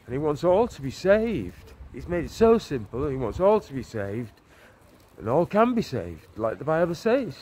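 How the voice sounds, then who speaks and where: A man in his forties records a walking preaching vlog on a leafy town street and in a park, talking earnestly into a phone camera at arm's length. His warm voice is a little high, with big pitch swings at normal speed, and he rambles with frequent restarts and "you know". Faint street noise and passing cars can be heard.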